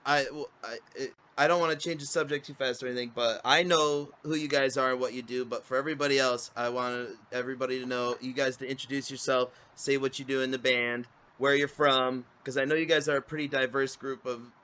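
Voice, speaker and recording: A man's voice: medium pitch, fairly even intonation, fairly quick, hardly any pauses, bright, forceful tone, clear, resonant tone. A man hosting a podcast on a video call, loose and hyped, swearing casually as he sets up introductions. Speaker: podcast host. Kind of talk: casual chat.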